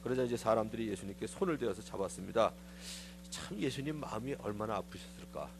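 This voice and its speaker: A man's voice: lowish voice, fast talker, gravelly, noisy background. A middle-aged man, a pastor, giving a conversational sermon in a church, telling stories in a confiding, personal way. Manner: animated storytelling, acting out quoted voices. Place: church sanctuary.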